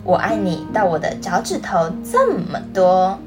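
A woman's voice: lowish voice, very animated, a little slow, over music. A woman voicing an eager, loving young rabbit child with childlike, exaggerated expression, as if reading a picture book to a toddler. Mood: excited, loving.

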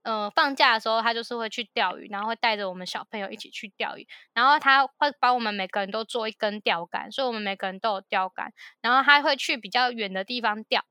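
A woman tells a childhood mishap at a brisk clip. Her voice is bright and slightly high. She acts out the voices she quotes. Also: no echo, studio quality. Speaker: podcast co-host. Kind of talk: casual chat, storytelling.

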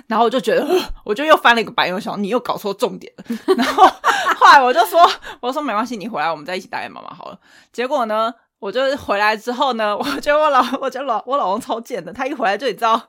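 Taiwanese woman in her 30s, podcast co-host, quick lively storyteller who laughs a lot. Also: on the high side. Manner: animated storytelling, laughs often. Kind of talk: casual chat.

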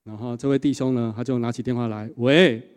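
A male pastor, preaching a sermon and telling stories in an animated way, often tagging sentences with a short "ha". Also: medium pitch, quick pace, clear, resonant tone. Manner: animated storytelling with a frequent 哈 tag.

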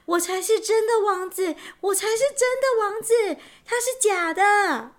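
A woman voicing a young boy prince in a told story, raising her voice high and speaking insistently. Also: unhurried. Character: young boy prince, playful then distressed.

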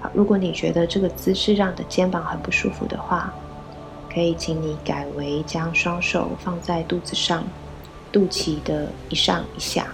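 A woman leading a guided meditation, gently giving instructions in a soft, breathy voice with pauses. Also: fairly low pitch, steady tone, rough recording. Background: background music.

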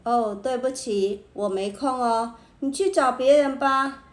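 A woman's voice: sits high, lively intonation, slow pace. A woman voicing a male village barber who turns people away in a curt, dismissive manner, in a storybook reading.

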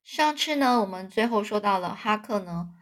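A woman's voice: mid-range voice, lively intonation, normal speed, a bit bright. A woman telling a serialized story in a chatty way, drawing out particles at the end of phrases.

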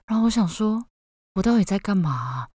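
A young adult woman with a Taiwanese Mandarin accent, hosting a podcast and telling a personal story in an animated, incredulous way, often tossing in "OK". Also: mid-range voice, a little fast, breathy edge, no room sound. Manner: animated, incredulous, peppers speech with "OK". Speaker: podcast host.

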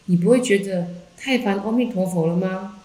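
A woman voicing a wise, playful old male Zen master who calls out loudly and teases gently, in an echoey room. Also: medium pitch, normal speed, lightly acted. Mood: gently teasing. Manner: loud calling, teasing.

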